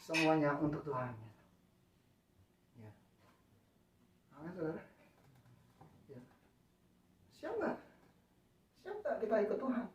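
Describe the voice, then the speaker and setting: A woman's voice: sits low, huge pitch swings, takes it slowly, pauses often. A woman preaching a sermon. She keeps saying "ya" and calling out to the congregation as she speaks. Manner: repeats "ya" and "saudara", calls out to the congregation. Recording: echoey, distant, dull church recording.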